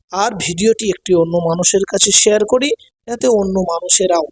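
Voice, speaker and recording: A religious teacher leading a slow call-and-repeat prayer recitation lesson, drawing out each syllable patiently for viewers. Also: mid-range voice, low-quality recording. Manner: patient, instructive tone addressing viewers.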